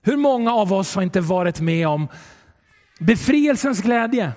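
Man, pastor, high-pitched voice, dramatic sermon delivery, booming then hushed, long hall reverb. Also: lively intonation. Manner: dramatic, swings between loud and hushed.

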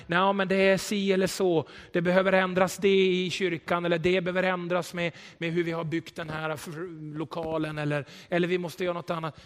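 Guy preaching a sermon, fairly high voice, big swings from loud to hushed, long church echo. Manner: animated storytelling preacher, swells loud for emphasis then drops quiet. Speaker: pastor.

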